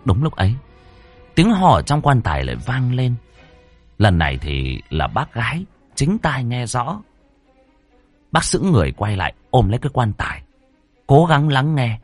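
A man narrating a ghost story, dramatic and slowing down for suspense. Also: medium pitch, big pitch swings, soft background music.

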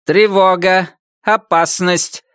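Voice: mid-range voice, fairly even intonation, takes it slowly, a bit bright, clear, resonant tone, dry recording, clean studio sound, voice pushed up. A narrator voicing a clanking metallic robot from an old TV show that blares stiff, repeated warnings. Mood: alarmed. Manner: clipped alarmed repeated warnings. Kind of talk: audiobook narration.

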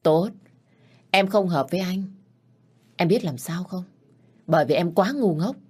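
A cold, cruel young man of money speaks in low, quiet threats, put on by a woman narrating a storybook. The voice sits deep and steady, with no warmth in it. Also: a little slow, husky. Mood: menacing.

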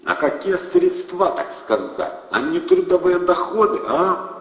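A man voicing a loud, brash young male hustler who bellows in slang. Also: sits high, very animated, a little slow, roomy sound, long reverb tail, muffled recording, voice pushed up, heavily acted. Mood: boisterous.

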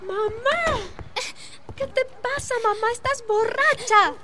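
A woman's voice: very high voice, takes it slowly, pushed and bright, heavily acted. A woman playing an angry, worried young eldest daughter who scolds her mother in a radio drama. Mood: scolding. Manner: scolding, accusing.

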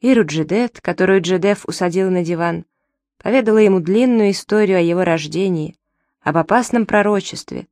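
Woman narrating an audiobook, lowish voice, dry close sound. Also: brisk, a little mellow, no echo.

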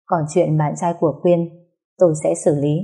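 A woman voicing a calm, protective young man who reassures the family in a storybook reading. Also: low voice, normal speed, slightly rough. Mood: reassuring.

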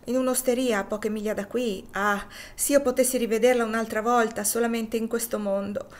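A woman's voice: a little high, fairly even intonation, a little fast, pitched above the performer's own voice, lightly acted. A woman reading the lines of a grieving enslaved man in his thirties in a storybook reading. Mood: sorrowful. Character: grown male slave, sorrowful.

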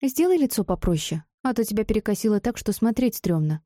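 A woman voicing a brash, foul-mouthed young female student with a sharp, mocking manner, in an audiobook. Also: mid-range voice, big pitch swings, a little fast, no echo, studio quality, voice pushed up. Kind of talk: audiobook character voice.

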